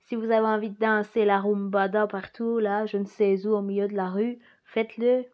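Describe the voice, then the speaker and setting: A woman's voice: medium pitch, little pitch movement, brisk. A woman in a casual reflective monologue as a podcast host, musing and rambling, often laughing. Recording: slightly dull lo-fi recording.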